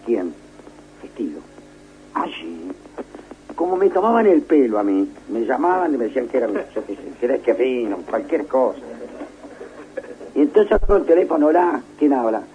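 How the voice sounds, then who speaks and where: A man's voice: medium pitch, normal speed, pauses often, phone-quality sound, slight background noise. An older man with a Uruguayan Spanish accent, a radio broadcaster telling an anecdote in casual chat and acting out the voices. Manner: lively, acts out the voices in his story.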